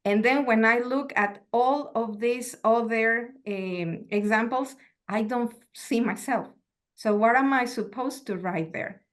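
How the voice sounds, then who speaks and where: A university lecturer from Mexico, whose first language is Spanish, gives a reflective academic lecture. Her fairly high voice is measured and thoughtful, and she poses rhetorical questions.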